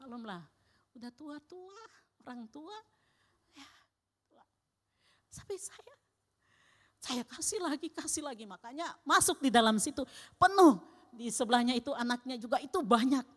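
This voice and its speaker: Woman, preacher, sermon with testimony, emphatic, high-pitched, long hall reverb. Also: animated, normal speed, pauses often. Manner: emphatic, swinging between loud exclamations and quiet asides.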